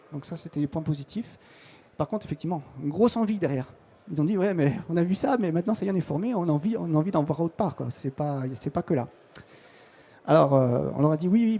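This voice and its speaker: A man's voice: a little high, dark tone, breathy edge. A man, a technical support manager, giving a live conference presentation on a trade-show floor, informal and full of restarts and fillers.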